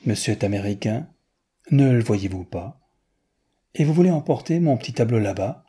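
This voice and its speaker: A man's voice: medium pitch, lively intonation, normal speed, dark tone, breathy edge. A man reading aloud, voicing a sly, coquettish young woman copyist who bargains teasingly.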